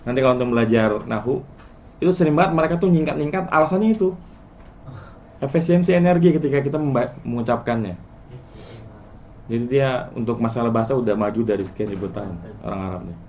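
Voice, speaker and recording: A relaxed male teacher talks his students through a grammar lesson. He quizzes them and chants word patterns. The recording sounds dull and lo-fi. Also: mid-range voice, quick pace, a little hiss or hum. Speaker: Arabic morphology teacher. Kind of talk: casual classroom lesson.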